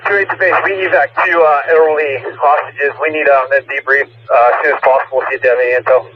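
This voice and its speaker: A man speaking as a police tactical officer over radio, giving halting, piecemeal reports in call signs. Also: medium pitch, fairly even intonation. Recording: noisy muffled police radio, distant mic. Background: loud noise and radio clicks.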